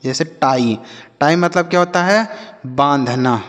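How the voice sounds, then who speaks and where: A man patiently teaching children to read, spelling out letters slowly and asking and answering his own questions. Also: a little high, fairly bright tone, long reverb tail. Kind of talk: English reading lesson for children.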